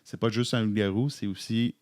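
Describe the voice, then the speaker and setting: A man with a Quebec French accent, co-hosting a casual book-club podcast with halting speech and dry humor. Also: fairly low pitch, fairly even intonation, a little mellow, no echo. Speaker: podcast co-host.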